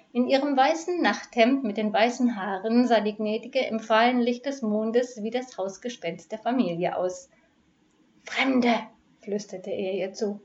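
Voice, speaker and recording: A woman reading a cozy crime story aloud in a measured, expressive storytelling manner. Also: fairly high pitch, lo-fi sound. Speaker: narrator. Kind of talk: scripted narration of a crime story.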